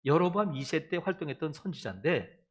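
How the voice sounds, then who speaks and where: A middle-aged male pastor preaching a sermon in a conversational way, dropping to a low voice for God's questions. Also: very animated, quick pace.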